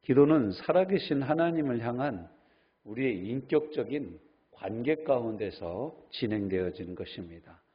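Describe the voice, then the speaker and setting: A man's voice: mid-range voice, animated, normal speed, breathy edge. A male pastor preaching a sermon and putting questions to his congregation. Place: church sanctuary. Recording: dull lo-fi church recording.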